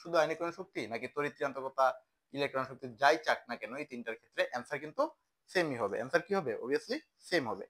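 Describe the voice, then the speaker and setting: A young man gives an informal chemistry lesson, talking fast in a medium-pitched, expressive, slightly bright voice. Conversational throughout, he often asks a question and answers it himself.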